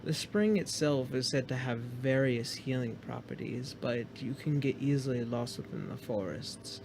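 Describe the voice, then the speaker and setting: A man playing a gentle, wise shopkeeper in a tabletop fantasy game, talking in a soft, measured, kindly way. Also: mid-range voice, noisy background, lightly acted. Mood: gentle, knowing. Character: gentle, wise, welcoming shopkeeper sharing forest lore.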